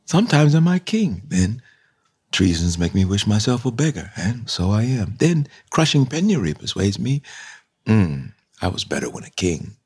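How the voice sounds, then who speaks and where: Husky, brooding deposed king in prison. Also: fairly low pitch, sing-song, a little mellow, no echo, studio quality. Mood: restless, bitter. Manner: halting, introspective, theatrical, breaking into sudden swells. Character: imprisoned deposed king, brooding, self-pitying, mentally unravelling. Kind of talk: Shakespearean verse soliloquy, radio play acting.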